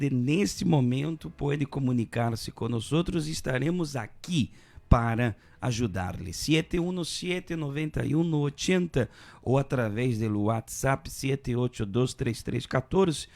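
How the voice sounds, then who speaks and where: A man's voice: medium pitch, expressive, a little slow, creaky, darkish tone. A man pastor hosting a live radio ministry broadcast, addressing listeners earnestly with blessings from a radio studio microphone.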